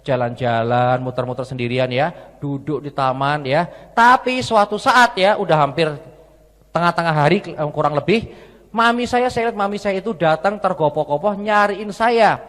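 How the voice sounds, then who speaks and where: A man preaching a sermon in a large church, telling stories in a lively way and often adding tag questions. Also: fairly high pitch, moderate pace. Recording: long church hall reverb.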